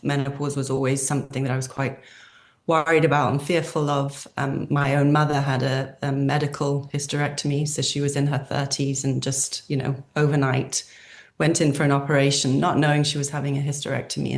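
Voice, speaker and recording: Low gravelly woman from zambia hosting a chat, soft and hesitant, lots of ums. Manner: gentle, hesitant with frequent ums. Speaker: interviewer and host. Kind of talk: conversational interview.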